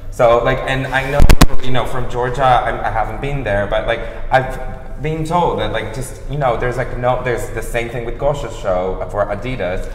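A young man from Croatia talking animatedly on a fashion panel, hedging with many fillers, recorded on a lapel mic in a large bright studio. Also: medium pitch, normal speed. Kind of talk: panel discussion. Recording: echoey hall with faint hiss.

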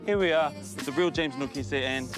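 A man's voice: mid-range voice, normal speed, music in the background. A man, interviewing in casual banter as a co-host. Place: outdoors, seaside lookout.

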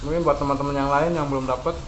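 A man's voice: medium pitch, fairly even intonation, rapid-fire, roomy sound, a little hiss or hum, poor audio. A young Javanese Indonesian man hosting a casual eating video at his workplace, laughing with his mouth full of food. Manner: talks while chewing food. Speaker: host. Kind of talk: casual mukbang chat. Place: workplace during lunch break.

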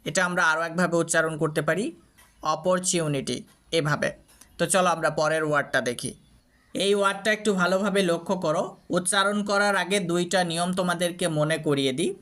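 This is a teacher recording a reading lesson for students, speaking in an even, mid-pitched voice. They guide the class step by step with plain instructions and sound out long words in small, clear pieces. Each word is then repeated in full so listeners can copy it. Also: fast talker. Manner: patient, breaks words into syllables and repeats them; addresses students directly with instructions. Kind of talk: online video lesson.

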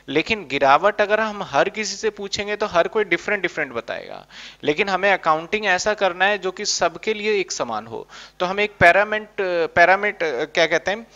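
Bright-voiced male commerce teacher. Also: a little high. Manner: playful, acts out student questions. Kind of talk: classroom lecture. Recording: dull lo-fi recording.

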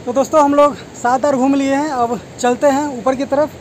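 A man's voice: extremely high pitch, steady tone, rough recording. A man narrating a travel vlog outdoors, chatting as he shows viewers around a waterfall. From India. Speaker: vlogger. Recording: outdoor noise, rushing water.

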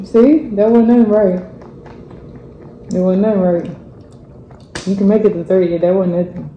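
A woman's voice: medium pitch, steady tone, measured pace, long pauses, reverberant, lo-fi sound, a little hiss or hum. A woman on a casual couple's challenge video, counting down and cheering her partner on over and over. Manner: coaxing, counting down, repeats encouragement. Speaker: vlogger encouraging her partner.

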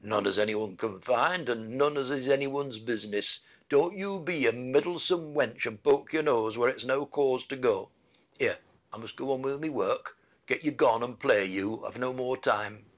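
A man voicing a gruff old male gardener with a put-on Yorkshire dialect, blunt and dismissive, in a muffled lo-fi recording. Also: mid-range voice, moderate pace, natural voice.

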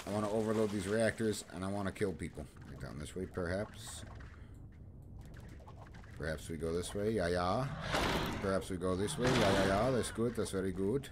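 A man's voice: sits low, normal speed, noisy background. A man giving crude, joking, rambling play-by-play commentary on his own gameplay video. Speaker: gaming video host. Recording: game music loud behind voice. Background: game music and sound effects.

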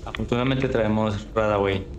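A man giving casual, unhurried gameplay commentary on a livestream, thinking aloud as he plays. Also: lowish voice, steady tone. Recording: roomy echo with clear background noise.

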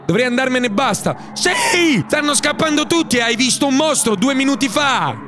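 A man with an Italian accent doing let's play commentary on a horror game, jokey and excitable, reading the game's dialogue aloud and shouting when he's scared. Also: very high voice, brisk, over music. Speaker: gaming YouTuber.

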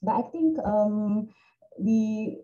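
A woman's voice: mid-range voice, drawn-out words, mellow, muffled recording. A woman with a Malaysian English accent giving a chatty online webinar lecture, full of "you know" fillers, over a computer video call. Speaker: guest lecturer.

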